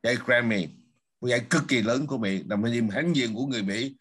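A man's voice: medium pitch, a little fast, a bit bright, breathy edge. Man, talk show host, emphatic, rhetorical questions, casual political chat. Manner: emphatic, asks and answers his own questions.

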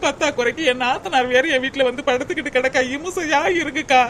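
A high, plaintive young village daughter-in-law, voiced by a woman in a cartoon, airing her grievances. A faint hiss sits under her voice. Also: fast talker, fairly bright tone. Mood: complaining. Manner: plaintive, complaining. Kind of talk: cartoon comedy voice acting.

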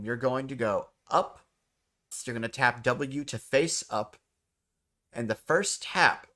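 A man narrates a step-by-step gameplay tutorial, demonstrating a game, explaining the controls in order and repeating key points. His voice is medium-pitched and a bit bright.

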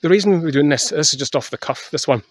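A man's voice: a little high, quick pace. A man, out of breath, filming a rambling off-the-cuff vlog on his phone while walking outdoors. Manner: rambling, many filler "uh"s. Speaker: falconer, channel host. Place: outdoors on a hill walk. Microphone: phone camera.

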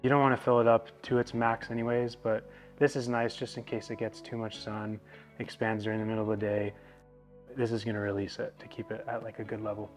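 Young man, casual how-to host, relaxed explainer, garage setting, faint music behind. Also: on the low side, a little fast. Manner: relaxed, explanatory, many fillers. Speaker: product installer. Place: indoor garage.

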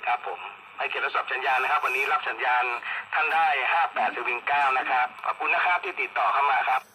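Male ham radio operator over walkie talkie, mid pitch, courteous procedural delivery, clearly noisy signal. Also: quick pace. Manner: polite, formal call-sign phrasing. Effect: two-way radio transmission. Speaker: amateur radio net operator.

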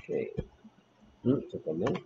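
Teaching English phonics to a single student online, this man patiently models every sound and offers encouragement. His pitch is medium and his tone somewhat dark. Faint background noise runs under the dull, lo-fi audio.

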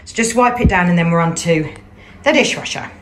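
A young woman chatting casually to camera as a cleaning vlogger, excitable and full of fillers. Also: on the low side, fairly quick.

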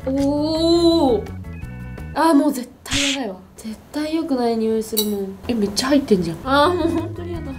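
A twenty-year-old woman chatting casually to camera as a vlog host, in a youthful, expressive, exclamatory and slangy way. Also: high-pitched, moderate pace. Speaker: video host. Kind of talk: casual vlog chat to camera while taste-testing. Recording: background music behind the voice. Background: music.

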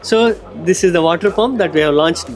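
At a busy exhibition hall booth, a middle-aged company executive with an Indian English accent confidently explains his company's products into a handheld microphone. His voice sits high and moves along fairly quickly.

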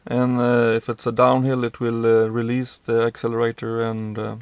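A man in his thirties from Sweden drives trucks and offers a casual look around his cab, fumbling through the controls with frequent fillers and restarts. His medium-pitched voice is monotone, a little mellow and clean, with no echo.

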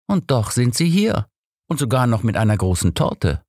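Man as wry, genial Doctor Watson, lively intonation. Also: medium pitch, normal speed, no echo, clean studio sound, voice pushed up. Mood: amused. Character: wry, genial old gentleman doctor, detective's companion. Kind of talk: audiobook character reading.

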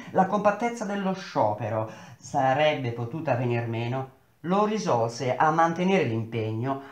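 A man reading a novel aloud in a measured, expressive storytelling manner. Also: medium pitch, echoey room. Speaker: reader of a novel.

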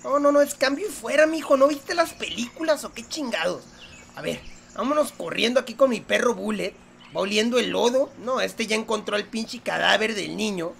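A young man with a Mexican accent, commenting on a horror game in a joking, profane, excitable way. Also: high voice, normal speed, vocal fry, slight background noise. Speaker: gaming youtuber.

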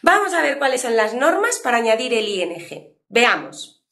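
A woman's voice: on the high side, very animated, normal speed, a bit bright, reverberant. A Spanish woman with a Spain accent teaching an English grammar lesson in an upbeat, chatty way, talking straight to her viewers.

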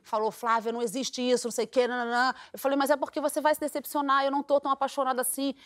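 Woman, middle-aged, high voice, comic storytelling, acts out dialogue. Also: rapid-fire. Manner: animated, acts out quoted dialogue with laughter. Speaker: guest storyteller. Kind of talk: comic anecdote on a talk show.

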